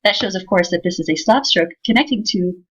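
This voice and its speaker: A woman teaching a software tutorial in a casual way, thinking aloud with fillers as she demonstrates. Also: medium pitch, animated, a little fast, slight background noise. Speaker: instructor. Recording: slightly dull lo-fi sound.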